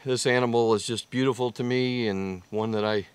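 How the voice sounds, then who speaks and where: A middle-aged man hosting a casual hunting vlog, talking to camera in halting phrases with awed exclamations. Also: mid-range voice, fairly even intonation, clear, resonant tone, dry recording, distant mic. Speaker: hunting show host. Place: hunting blind and outdoor bushland.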